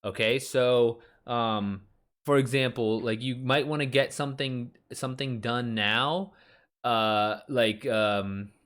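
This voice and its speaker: A man's voice: mid-range voice, fairly bright tone. Man in his thirties, author, casual live-stream chat, rambling, full of fillers, talks back to chat. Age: 30s. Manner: rambling, chatty, many fillers and restarts. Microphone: streaming mic.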